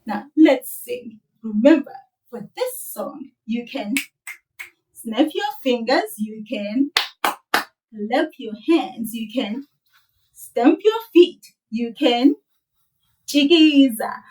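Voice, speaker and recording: Slow, gentle South African woman teacher. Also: fairly high pitch, lively intonation, distant mic, a little hiss or hum, low-quality recording. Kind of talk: children's language lesson.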